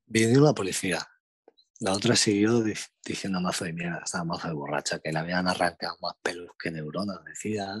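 A young man from Spain with a Spanish accent, telling a slangy, animated anecdote in casual chat. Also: sits low, brisk, slight background noise. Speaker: storyteller.

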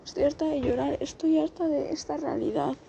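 Woman from Spain, high voice, near tears, halting confessional monologue, noisy background. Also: steady tone, vocal fry, mellow, lo-fi sound. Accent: Spain Spanish. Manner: halting, repeats and restarts her phrases. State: close to tears. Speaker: vlogger. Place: outdoors, people passing by.

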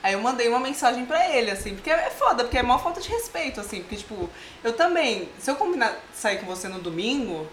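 A Brazilian woman chatting casually, telling stories with lively, laughing bursts. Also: a little high, fast talker, hardly any pauses, a little hiss or hum. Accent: Brazilian Portuguese. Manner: animated storyteller, bursts into laughter. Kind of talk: casual chat. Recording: roomy echo.

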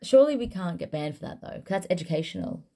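A woman's voice: lowish voice, expressive, quick pace, gravelly, dark tone. A woman co-hosting a casual, joking chat. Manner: informal, joking. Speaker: podcast co-host.

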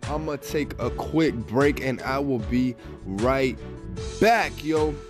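A man hosting a faith podcast, upbeat and casual, often saying "man" and "y'all", with a stuffy, slightly raspy voice. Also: mid-range voice, takes it slowly, over music. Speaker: podcast host.

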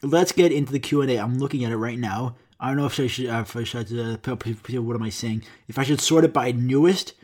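Fielding viewer questions alone, this young man from the United States, whose first language was Greek, rambles, curses and pokes fun at himself. He talks quickly in a darkish, mid-range voice, barely pausing.

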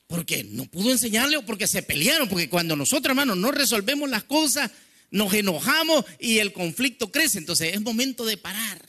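A man's voice: high-pitched, big pitch swings, brisk, pushed and bright. A man preaching a sermon. He reads scripture, calls listeners "brother" and acts out the quarrel in quoted lines.

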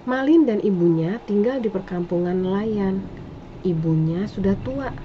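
A woman storyteller reading a scripted folktale narration. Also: mid-range voice. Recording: dull lo-fi with faint noise.

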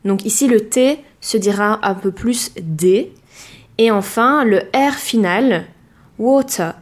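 A woman teaching a language lesson, speaking clearly and measuredly, and slowing down to model words. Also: mid-range voice. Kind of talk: explaining a lesson.

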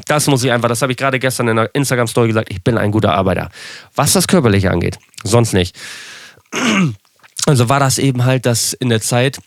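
A man's voice: medium pitch, no echo, studio quality. A young man from hosting a podcast and telling a personal story in a candid, rambling way. He keeps correcting himself and adds wry asides. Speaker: podcast host.

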